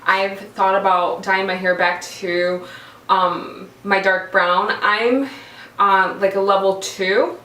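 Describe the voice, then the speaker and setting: A woman's voice: mid-range voice, steady tone, slow, sharp tone. A woman giving a casual, chatty, self-deprecating tutorial as a vlogger, informal and talking straight to the camera. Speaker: hair vlogger. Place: echoey cramped room indoors, standing. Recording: very echoey small room, far mic, faint noise.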